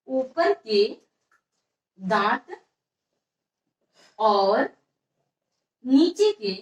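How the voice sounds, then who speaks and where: A woman's voice: high voice, reverberant, distant mic, low-quality recording. A woman teaching an exam-prep grammar lesson, repeating each question and answering it herself.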